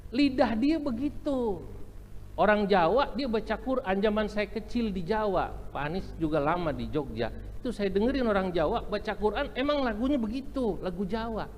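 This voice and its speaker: A man's voice: sits high, lively intonation, a little fast, a little hiss or hum. A middle-aged man from Indonesia, giving a humorous religious lecture that slips into chanted Arabic phrases. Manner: chants and sings Arabic phrases, jokes about regional accents. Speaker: Islamic preacher. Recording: echoey hall, faint room ambience.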